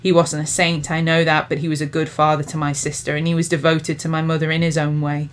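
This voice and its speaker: A woman's voice: low voice, level tone, fast, lightly acted. A woman reading a determined, defiant young woman confronting a demon. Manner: firm and defiant.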